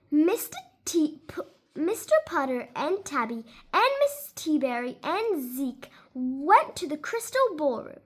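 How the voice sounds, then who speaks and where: Reading a kids' storybook to a young audience, this woman speaks with deliberate expressiveness in a high-pitched voice.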